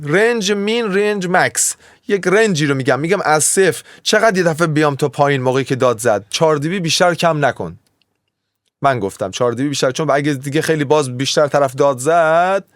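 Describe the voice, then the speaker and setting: A man's voice: a little high, no room sound. Chatty man teaching, dry close sound. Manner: chatty, digressive, often waves off his own tangents. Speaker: music producer teaching mixing. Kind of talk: casual screen tutorial.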